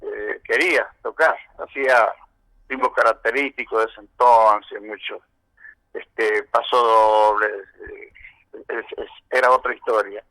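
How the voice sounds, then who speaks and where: Older Argentine man with a bright voice. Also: lowish voice, fairly even intonation, measured pace, dry recording, poor audio. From San Juan, Argentina. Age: 70s. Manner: long storytelling turns full of "este" and "eh". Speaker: interviewee, veteran rock musician. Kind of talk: reminiscing interview answers.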